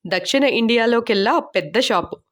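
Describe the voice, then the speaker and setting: Dry, touchy male lecturer in an audiobook, read by a woman, mid-high voice dipping lower. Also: lively intonation, moderate pace, close to an everyday voice.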